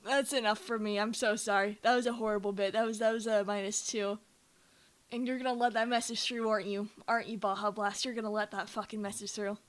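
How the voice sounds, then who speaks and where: A woman streamer telling an animated story between game lines, laughing often, swearing freely and talking back to her chat. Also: mid-range voice, brisk. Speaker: streamer playing a visual novel.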